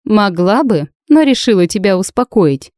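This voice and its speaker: A woman's voice: mid-range voice, very animated, moderate pace, a little mellow, dry recording, studio quality, pitched above the performer's own voice, natural voice. Woman voicing a sly old witch. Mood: wry teasing.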